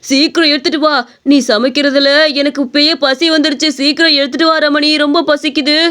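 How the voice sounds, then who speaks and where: A woman voicing a stingy, scolding middle-aged husband in an animated story. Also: sits high, fairly quick. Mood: eager. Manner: scolding, penny-pinching.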